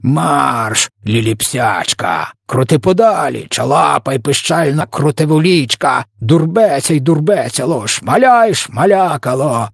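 A man's voice: lively intonation, a little slow, creaky, slightly rough, no room sound, clean studio sound, full character voice. A man voicing a pack of brutish, cruel male giants in an audiobook, bellowing taunts. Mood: jeering shouts. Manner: bellowing taunts at a high pitch. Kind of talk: audiobook reading.

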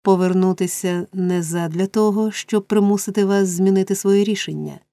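A woman's voice: mid-range voice, fairly even intonation, normal speed, warm tone, no room sound, lightly acted. A woman voicing an earnest young man in love, pleading insistently in an audiobook reading.

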